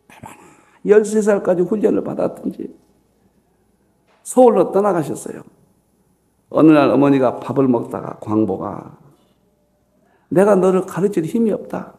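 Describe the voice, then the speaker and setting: A middle-aged male pastor preaching a sermon and telling a personal story with strong emotion, swinging from loud exclaiming to hushed whispers. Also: mid-range voice, vocal fry. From South Korea. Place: church dawn service.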